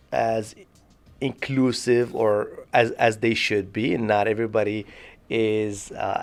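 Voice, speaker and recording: Low gravelly man from Morocco. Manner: thoughtful, halting with restarts. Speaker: podcast co-host. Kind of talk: casual discussion.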